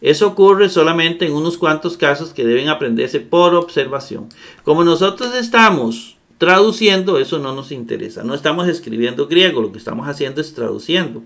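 Male grammar teacher, upper-middle pitch, patient and methodical, frequent check-in questions. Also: expressive, a little fast, fairly bright tone. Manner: patient step-by-step explaining, often checking with "¿verdad?". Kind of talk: recorded grammar lesson.

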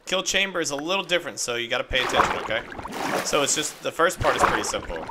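A man's voice: mid-range voice, lively intonation, fast talker, heavy background noise. A man casually narrating a game-building tutorial step by step, upbeat and playful with little sound effects. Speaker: Minecraft video creator.

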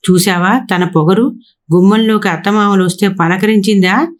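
A woman's voice: medium pitch, moderate pace, natural voice. A woman voicing an agitated, bitter young married man in a storybook reading, talking in a complaining, sarcastic way.

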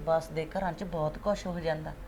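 An actress playing an older mother who talks gently and sadly to her son and daughter-in-law, with a Punjabi accent. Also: low-pitched, fairly even intonation, moderate pace, background noise. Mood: tender. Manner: gentle, sorrowful, soothing. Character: sad elderly mother, tender and resigned. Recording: music bed under dialogue.

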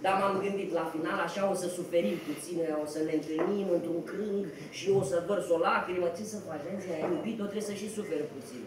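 A man's voice: high voice, few pauses, crowd noise, close to an everyday voice. A man playing a swaggering idle schemer on stage. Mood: boastful. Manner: swaggering, theatrical, laughing at his own schemes. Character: boastful cynical young man-about-town, idle schemer. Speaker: stage actor. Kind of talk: live stage comedy acting. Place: small cafe theatre stage, indoors. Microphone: far camera mic. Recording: echoey theatre, distant mic, noise.

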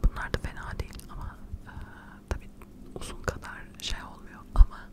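A middle-aged woman whispering quietly in casual, rambling, self-deprecating ASMR chat, close to the microphone. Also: a little fast. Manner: quiet, hushed late-night whispering. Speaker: ASMR video creator. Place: furnished living room at home, indoors. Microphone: furry-covered microphone close to the mouth.

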